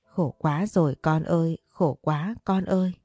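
A woman's voice: low voice, measured pace, mellow, no echo, soft background music. A woman voicing the spirit of a dead older father, tender and pleading with his family in an audio story. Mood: grieving.

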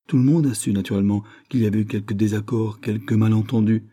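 A man's voice: on the low side, fairly even intonation, quick pace, warm tone, lightly acted. A male reader voicing Lily Bart, a proud young society woman who speaks with mocking defiance. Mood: pleading.

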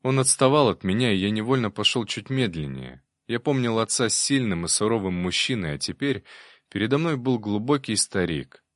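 Man, audiobook narrator, first-person fantasy, steady, very low voice, dry recording. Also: normal speed, no echo.

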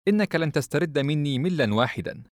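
A man's voice: a little high, expressive, no room sound, studio quality, pitched above the performer's own voice, lightly acted. A man voicing a brash, teasing young woman. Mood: indignant. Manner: brash, teasing, quick-tongued. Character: bold, mercenary young woman of the night.

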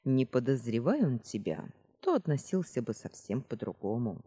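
Woman reads calm male dragon, measured explainer, breathy, hall reverb. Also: very deep voice, exaggerated voice. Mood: reasoning. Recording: roomy reverb.

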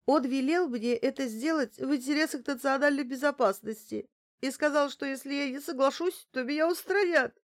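A woman's voice: sits high, unhurried, pitched above the performer's own voice. A woman doing a frightened, stammering female operator. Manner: stammering, panicky. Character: frightened woman phone operator near tears.

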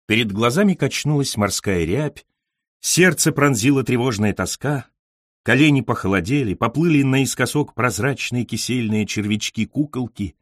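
Lively, theatrical male storyteller. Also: mid-range voice, dry recording, studio quality. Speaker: narrator. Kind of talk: dramatic literary reading.

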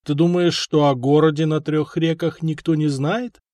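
A man voicing a cunning bearded merchant who speaks with icy, calculating calm. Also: fairly high pitch, moderate pace, no room sound, studio quality, lightly acted.

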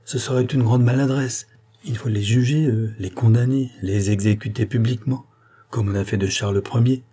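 A man's voice: mid-range voice, steady tone, normal speed, dark tone, husky, lightly acted. A man reading the part of a cold, scheming male occultist in an audiobook, with a sweeping, relentless oratorical delivery. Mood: grandiose.

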